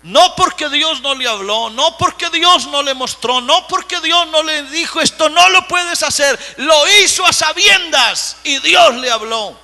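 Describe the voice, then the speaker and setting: A pastor with a strikingly high, piercing voice delivers a live sermon at a slow, deliberate pace. He preaches emphatically and breaks into sudden shouts. The sound carries a long church-hall reverb with a faint mains hum beneath it. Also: animated. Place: church sanctuary.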